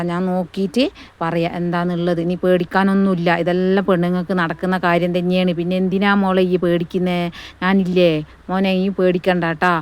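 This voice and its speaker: A woman's voice: on the low side, clean tone, lightly acted. A woman playing a kindly village midwife who speaks in a soothing, motherly way. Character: kindly village midwife, reassuring then urgent.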